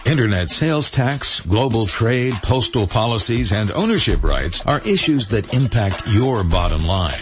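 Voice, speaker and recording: An earnest male announcer reading a promo in a steady delivery. His voice is fairly low, with music clearly playing behind him. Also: moderate pace, few pauses. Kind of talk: scripted public-service promo.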